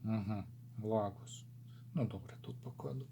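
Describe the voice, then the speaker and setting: A man with a Ukrainian accent doing a rune reading, thinking aloud as he lays out and explains the runes, with many drawn-out fillers. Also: fairly low pitch, vocal fry, muffled recording, noisy background. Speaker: rune reader. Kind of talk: casual spoken rune divination.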